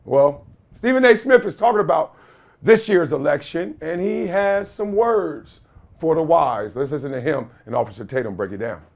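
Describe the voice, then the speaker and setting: A man's voice: fairly high pitch, very animated, normal speed, gravelly. A man hosting a podcast, giving a casual opinion monologue in a conversational, slangy way with emphatic storytelling. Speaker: podcast host.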